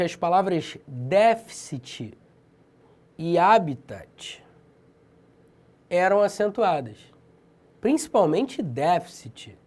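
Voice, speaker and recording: A man's voice: sits high, a little mellow. A man with a Brazilian accent giving a casual exam-prep lesson, slangy and emphatic, often checking in with the viewer. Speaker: Portuguese teacher for civil-service exams.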